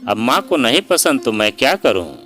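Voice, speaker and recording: A man's voice: medium pitch, sing-song, moderate pace, a bit bright, faint music behind. A man voicing an irritated young husband in a story reading, defensive and brushing off his wife's complaints.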